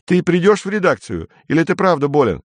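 A man's voice: medium pitch, brisk, dry recording, voice pushed up, close to an everyday voice. A man voicing an agitated male journalist who talks hurriedly and urgently in a dry recording. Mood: alarmed.

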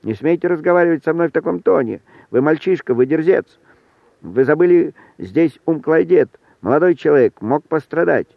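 A man's voice: on the high side, lively intonation, normal speed, vocal fry, no room sound, pitched above the performer's own voice. A man voicing a pompous, indignant fat scientist who shrieks and scolds. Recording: thin phone-like sound, dry.

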